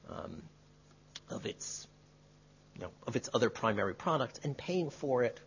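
A male history professor answering an audience question in a measured, qualifying way, often adding tag questions. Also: lowish voice, husky. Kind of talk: academic lecture Q&A. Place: lecture room. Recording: dull lo-fi lecture recording.

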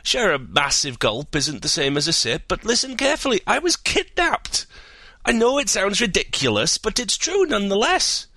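Male reader doing a high, breathless tall-tale teller in a dry, close recording. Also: moderate pace, dry recording, heavily acted. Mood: excited. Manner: breathless, rising to high excited pitch. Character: excitable adult man spinning a wild tale.

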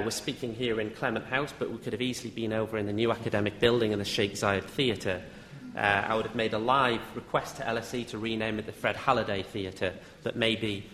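A man's voice: lowish voice, a bit bright, slight background noise. A man, a university lecturer, giving an academic talk with frequent "uh" fillers as he lists examples. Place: lecture hall. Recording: echoey hall with long reverb.

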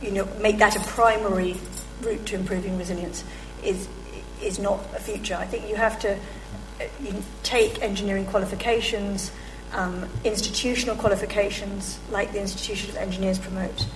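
A woman speaker answering audience questions at a lecture, measured and thoughtful, with frequent pauses. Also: mid-range voice, little pitch movement, slight background noise, rough recording. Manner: measured, with frequent ums and restarts. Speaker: guest speaker.

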